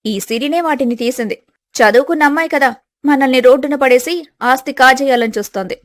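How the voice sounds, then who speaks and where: A woman's voice: sits high, brisk, dry recording, natural voice. A woman voicing an arrogant, accusing elder daughter-in-law in a storybook tale. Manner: accusing, sneering.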